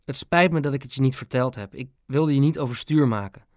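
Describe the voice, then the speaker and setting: A worried, tender father voiced by a man reading a children's audiobook, earnest and warm-hearted toward his son. He sounds close to the reader's own voice. The recording is dry and close. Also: medium pitch, brisk, no room sound, lightly acted.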